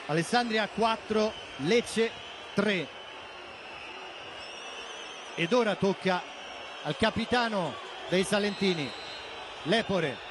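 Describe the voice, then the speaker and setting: A man commentating live on a football shootout in an excited, dramatic, breathless manner. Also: high voice. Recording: stadium broadcast with loud crowd noise. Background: football stadium crowd.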